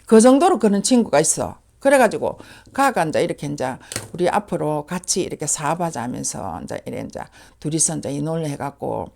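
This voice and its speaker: 경상도 사투리의 걸걸한 여자 무속인. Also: female voice, sits low, a little fast, creaky, few pauses, slight background noise. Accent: Gyeongsang. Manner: lively storytelling, acting out quoted voices. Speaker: shaman. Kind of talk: casual storytelling.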